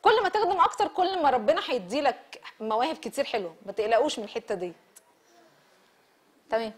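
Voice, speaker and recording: Lively Egyptian woman lecturing. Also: sits high, quick pace. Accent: Egyptian Arabic. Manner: lively, asks the audience questions, laughs with them. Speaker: lecturer to church servants. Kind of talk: lecture to an audience.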